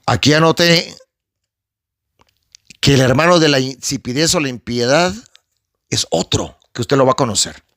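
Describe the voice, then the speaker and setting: With a medium pitch, moderate pace and frequent pauses, this Guatemalan pastor delivers an emphatic sermon teaching in a dry, studio-quality recording. He talks to listeners as sister and brother, staying animated and conversational while asking the crowd to help.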